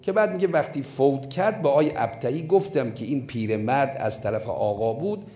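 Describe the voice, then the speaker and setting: A man preaching a sermon as a story, telling it in an emphatic way and slowing down on key points. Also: medium pitch, warm tone, reverberant, slight background noise.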